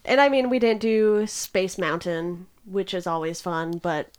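A woman hosting a podcast in natural, unscripted casual talk, informal and self-deprecating, quick to laugh. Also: fairly low pitch, smooth. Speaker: podcast host.

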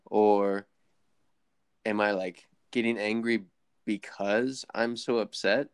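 A man's voice: fairly low pitch, fairly even intonation, takes it slowly, clear, resonant tone. A man in casual conversation, reflecting aloud and questioning himself.

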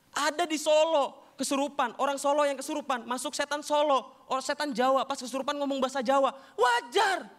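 A man's voice: extremely high pitch, a bit bright. A young man performing a stand-up comedy set in casual, slangy banter, acting out scenes and laughing between jokes. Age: young adult.

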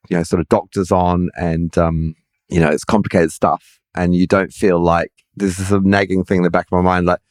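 The podcast host, a middle-aged man, has a low-pitched, somewhat nasal voice with a darkish tone. Chatting casually, he keeps restarting and sounds hesitant and self-deprecating. Clean studio recording, with no room sound.

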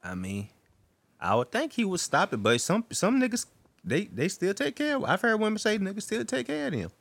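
A man's voice: high-pitched, wildly swooping pitch, brisk, vocal fry, a bit bright, no echo. A young man co-hosting a casual podcast, easygoing, laughing often and answering with short agreeing sounds. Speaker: podcast co-host.

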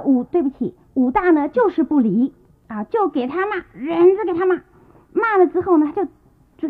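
Lively high-voiced woman storyteller. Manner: chatty, comments and laughs at the story. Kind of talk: retelling a classic novel. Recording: tinny lo-fi tape.

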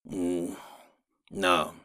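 A weary middle-aged mechanic speaking low and quiet. A man voices him in an audiobook. The voice is close and dry. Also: steady tone, moderate pace, no echo. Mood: reluctant. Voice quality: low, soft-spoken.

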